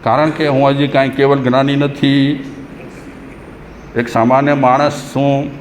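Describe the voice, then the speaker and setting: A man's voice: medium pitch, level tone, a little slow. A man, a Jain monk, giving a sermon in a conversational, humorous way and chanting verses in between. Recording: echoey hall with faint noise.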